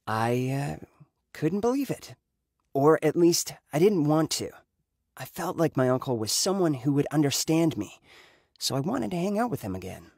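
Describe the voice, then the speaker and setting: A young man tells a first-person story in a slightly husky voice, lifting his pitch when the tale turns dramatic. The sound is dry and close, with no room around it. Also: big pitch swings, moderate pace, darkish tone, no room sound. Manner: emotive storytelling, voice rising on dramatic moments. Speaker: story narrator.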